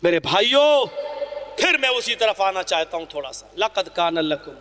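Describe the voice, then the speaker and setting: A man preaches to a gathering in a large hall, his voice very high and ringing bright. He tells stories with passion, pressing points home through repetition. The sound carries a long hall reverb. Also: big pitch swings. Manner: impassioned, emphatic repetition. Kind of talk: sermon storytelling. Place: large hall at a school function.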